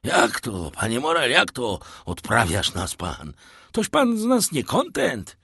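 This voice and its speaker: A man voicing a rough, plainspoken old sailor who speaks in a raised, pleading tone. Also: medium pitch, wildly swooping pitch, takes it slowly, sharp tone, no echo, clean studio sound, voice pushed up, heavily acted. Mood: dismayed.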